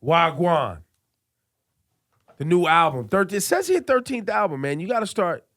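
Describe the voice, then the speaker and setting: Bright, animated male interviewer. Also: high-pitched, moderate pace. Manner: informal, slangy interjections. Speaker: interviewer and show host. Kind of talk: casual music interview.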